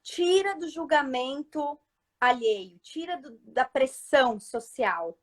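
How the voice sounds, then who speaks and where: A mother speaking as a guest on a live talk, calmly explaining parenting advice and often checking in with her listeners. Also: sits high, slow pace. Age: adult mother.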